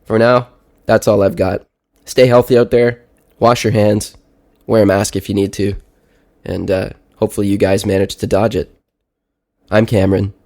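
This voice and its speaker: Male, 30, lowish voice, badly stuffed-up pinched-nose sound from a cold, casual diary-style podcast host. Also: little pitch movement, normal speed, long pauses, darkish tone. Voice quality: congested, nasal, as if nose is pinched. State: sick with a stuffy head cold. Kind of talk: casual personal audio diary.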